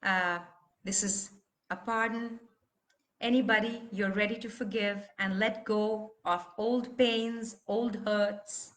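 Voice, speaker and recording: Bright-voiced woman teaching voice slowly. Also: medium pitch, fairly even intonation. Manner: guiding slowly, breaking into emotive vocal sounds. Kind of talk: live online voice workshop.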